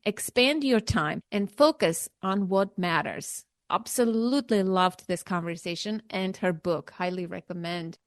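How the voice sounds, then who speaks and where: A woman's voice: mid-range voice, fairly bright tone, no room sound. Woman podcast host, close dry sound. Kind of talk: conversational podcast talk.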